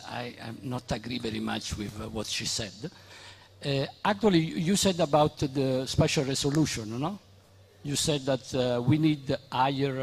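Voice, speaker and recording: A man's voice: mid-range voice, a little hiss or hum. A man asking a question from the audience at a conference, speaking as a with some fillers into a handheld mic. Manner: questioning, non-native grammar, fillers. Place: large conference hall. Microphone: handheld microphone.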